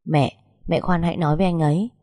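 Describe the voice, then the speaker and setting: A woman's voice: deep voice, steady tone, quick pace, mellow, no room sound, studio quality, natural voice. A woman voicing a young pregnant wife who speaks hesitantly, stammering and pleading.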